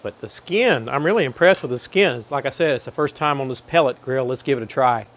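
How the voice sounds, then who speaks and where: A man's voice: medium pitch, a little fast. A man hosting a cooking vlog outdoors by his grill, chatting casually to viewers as he checks and tastes his food. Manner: relaxed, chatty, talks to viewers while tasting. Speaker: cooking channel host.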